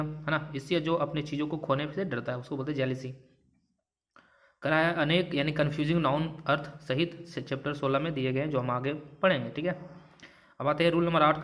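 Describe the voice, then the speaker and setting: A man teaching an exam-prep grammar lesson, explaining rules step by step, asking and answering his own questions and mixing in English example sentences. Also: mid-range voice.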